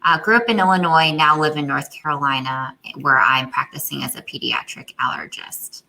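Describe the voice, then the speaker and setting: A woman born in China and raised in the United States introduces herself in an interview. Her voice is very low-pitched yet bright in tone. She speaks in a brisk, matter-of-fact way. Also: gravelly, a little hiss or hum, low-quality recording. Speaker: guest, pediatric allergist. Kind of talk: conversational interview answers.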